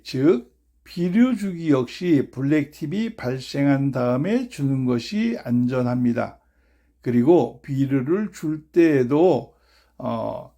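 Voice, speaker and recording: Middle-aged male farmer-host, outdoors; dark, mellow tone, explains things patiently. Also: a little high. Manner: measured, explanatory, frequent "uh" fillers. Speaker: blueberry farmer and channel host. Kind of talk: instructional farm vlog narration. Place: outdoors on a farm.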